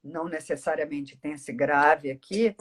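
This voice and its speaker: In a low voice at a measured pace, a Brazilian-accented woman from Northeast Brazil explains things at length during a casual interview. She appears as a guest, speaking as a speech therapist.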